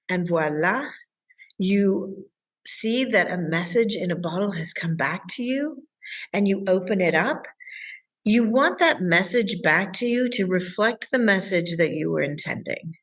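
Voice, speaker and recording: A woman relationship coach, a guest in an interview, answering with enthusiasm and acting out the voices of her clients. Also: mid-range voice.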